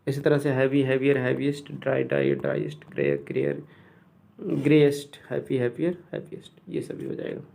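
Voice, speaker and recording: Gravelly man teaching grammar. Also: medium pitch, animated, dark tone. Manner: methodical, repeats each example slowly. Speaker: English teacher. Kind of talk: grammar lesson explaining rules.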